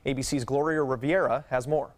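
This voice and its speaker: A man's voice: mid-range voice, steady tone, brisk, heavy background noise. An American man reading scripted local television news as an anchor.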